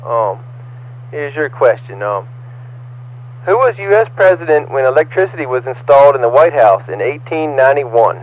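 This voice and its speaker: A man running a ham radio net as net control, heard over a radio transmission, talking haltingly with many ums and uhs. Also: medium pitch, big pitch swings. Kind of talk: ham radio net check-ins and trivia. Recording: tinny narrow-band radio transmission.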